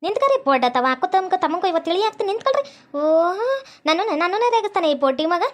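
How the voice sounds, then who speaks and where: A woman's voice: very high-pitched, very animated, rapid-fire. Furious old village woman. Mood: furious threats. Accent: North Karnataka Kannada. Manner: scolding, cursing loudly. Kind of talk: cartoon voice acting.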